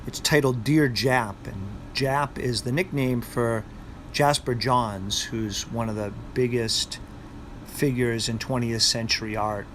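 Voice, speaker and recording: A man's voice: mid-range voice, steady tone, slow, a bit bright. Boston-accented man presenting poetry, noisy background. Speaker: poet and presenter. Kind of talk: talk introducing and reciting poetry aloud.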